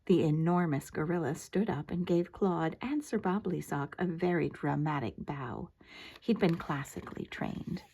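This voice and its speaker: Casting: older female storyteller, grandma manner, lowish pitch, expressive read-aloud of a children's book. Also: normal speed, creaky, hardly any pauses, breathy edge. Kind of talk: animated storybook narration.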